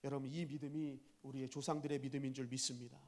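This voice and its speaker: A man preaching a sermon as a church pastor, speaking emphatically and rising to loud peaks. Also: medium pitch, little pitch movement, fast talker. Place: church sanctuary.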